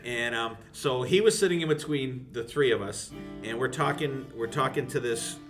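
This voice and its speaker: A man co-hosting a podcast, talking casually in a middle-pitched voice. He rambles through long, profane stories. Music plays clearly underneath. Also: normal speed. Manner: rambling, profane anecdote teller. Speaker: podcast co-host. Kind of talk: casual chat.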